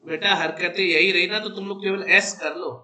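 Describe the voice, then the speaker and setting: Man, classroom lecture, high pitch, sharp bright tone, teasing, dictates slowly. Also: steady tone, echoey room. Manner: teasing, mixes English into Hindi, dictates notes slowly. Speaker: commerce teacher.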